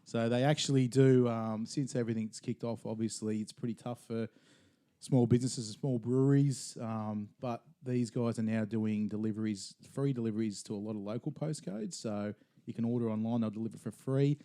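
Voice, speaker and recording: A man's voice: mid-range voice, steady tone, moderate pace, dark tone. An Australian man co-hosting a casual podcast chat over beers, talkative and laughing often. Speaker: podcast co-host.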